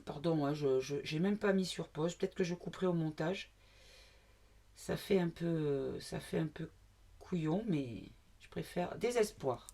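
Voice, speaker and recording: A woman's voice: low-pitched, unhurried, dark tone. A woman from the south of France doing a casual card reading to camera, thinking aloud with many fillers and asides. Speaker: card reader.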